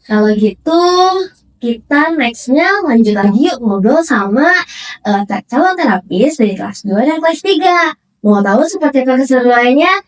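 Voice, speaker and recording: A woman's voice: sits high, expressive, normal speed, distant mic, low-quality recording. A woman hosting a casual interview, chatty and upbeat with frequent fillers. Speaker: host.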